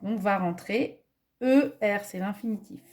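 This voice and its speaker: A woman giving a grammar lesson, speaking deliberately, spelling out letters and telling viewers to pause and answer. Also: medium pitch, a little mellow. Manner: addresses viewers, asks them to pause. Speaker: French teacher.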